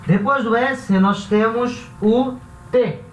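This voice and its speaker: A man teaching a language class who talks patiently and repeats each word slowly, often checking in with his students. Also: very high voice, far from the mic. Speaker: Spanish teacher. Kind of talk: classroom lesson. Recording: roomy, dull sound from off mic with faint hiss.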